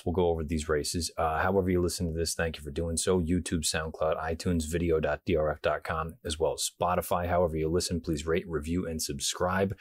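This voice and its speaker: Man, racing show host, hushed quiet delivery, husky, fairly flat intonation, casual preview commentary. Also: rumbling low. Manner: hushed, quiet indoor voice, holding volume down. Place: hotel room.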